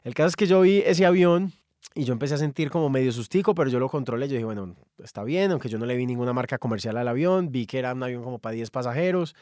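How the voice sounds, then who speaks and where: A man, a songwriter telling a personal story in an animated monologue. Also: medium pitch, fast, no room sound, clean studio sound.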